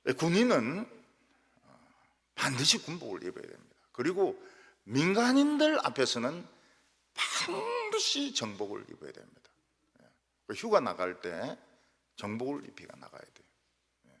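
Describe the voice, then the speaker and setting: A male pastor delivers a sermon, his gravelly, husky voice ringing through a church sanctuary with a long reverb. His pitch is animated, leaping up for emphasis and dropping to quiet asides. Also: normal speed, long pauses. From Daegu, South Korea. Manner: lively storytelling with sudden loud jumps and quiet asides.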